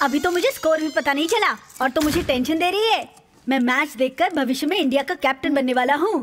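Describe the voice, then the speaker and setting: A man's voice: very high-pitched, a little fast, a bit bright, slight background noise. A male voice actor dubbing a brash, boastful young man who is crazy about cricket. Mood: threatening. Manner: pushy, boastful, teasing. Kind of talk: Hindi film dub acting. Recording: film audio with music.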